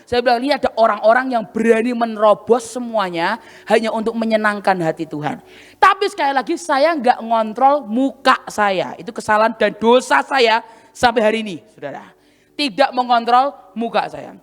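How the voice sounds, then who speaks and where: A woman preacher telling a story in a sermon, animated and full of exclamations, in a church hall. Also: on the high side, moderate pace. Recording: reverberant hall.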